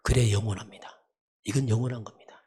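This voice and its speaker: The pastor talks fast in a steady, mellow tone, his husky voice at medium pitch, as he gives a dawn service sermon. His teaching is emphatic and repetitive, full of rhetorical questions.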